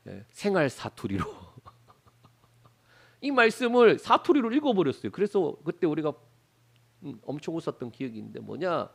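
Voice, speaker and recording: A middle-aged pastor from Daegu with a Gyeongsang accent, preaching a Wednesday sermon, asking the congregation rhetorical questions and acting out voices. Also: male voice, a little high, vocal fry. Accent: Gyeongsang Korean. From Daegu, South Korea. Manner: acts out Bible characters' lines in exaggerated voices. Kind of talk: Wednesday prayer service sermon.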